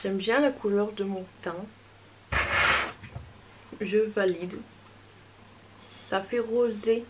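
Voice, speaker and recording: A woman's voice: mid-range voice, fairly even intonation, slow pace, long pauses, heavy background noise. A young woman chatting casually as she tests makeup and reviews it, hesitant and reassuring. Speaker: beauty vlogger.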